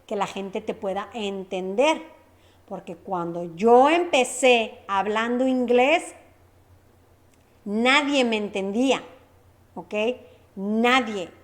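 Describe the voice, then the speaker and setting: A woman teaching a lesson, running repeat-after-me drills and checking in with short questions. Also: a little high. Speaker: Spanish teacher.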